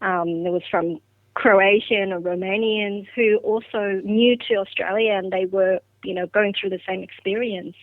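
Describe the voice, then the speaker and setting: Speaking at a measured pace with fairly even intonation, a middle-aged woman from Vietnam recounts in a podcast interview how she entered science. Vietnamese is her first language, and her reflective telling is full of fillers and restarts. Her mid-range voice comes through a dry, phone-like line.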